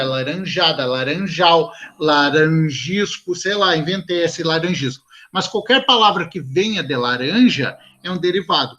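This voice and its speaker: A man's voice: high voice, pushed and bright, highs cut off. A Brazilian man teaching a Portuguese exam review class online, who explains patiently and keeps checking in with his students.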